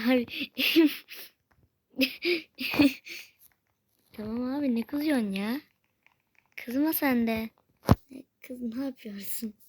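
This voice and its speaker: A woman's voice: sits high, very slow, pauses often, husky. A woman giving casual gameplay commentary, talking to herself and often slipping into a whisper. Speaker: gaming video creator.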